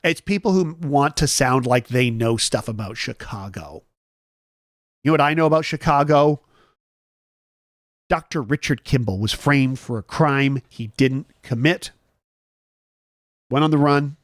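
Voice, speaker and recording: A man's voice: mid-range voice, measured pace, pauses often, dry recording, studio quality. A man hosting a casual morning chat stream, rambling through stories and joking with viewers as he reads their comments. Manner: rambling, chatty, jokey asides to viewers. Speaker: host.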